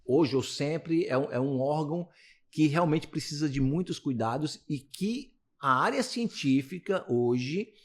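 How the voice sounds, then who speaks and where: This interviewee is a physiotherapist from Brazil, a man in his late fifties whose voice sits on the high side. His intonation is lively and his pace unhurried, and his casual answers ramble with many restarts.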